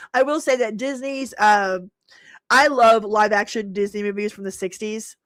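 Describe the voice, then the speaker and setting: A woman's voice: a little high, dry recording, clean studio sound. A middle-aged woman hosting a live stream, chatting casually, laughing often and answering viewers by name.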